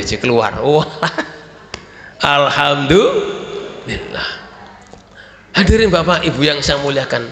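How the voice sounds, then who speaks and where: Gravelly Javanese preacher in an echoey hall. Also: male voice, high-pitched. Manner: animated storytelling, at times shouting. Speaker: kyai preacher. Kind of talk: storytelling sermon. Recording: reverberant hall with faint ambience.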